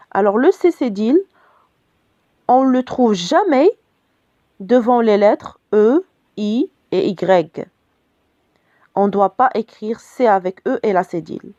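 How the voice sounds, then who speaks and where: A woman teaching a French spelling lesson, speaking slowly and carefully, repeating each word and spelling out the letters. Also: mid-range voice, mellow, no room sound. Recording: dull lo-fi sound, dry.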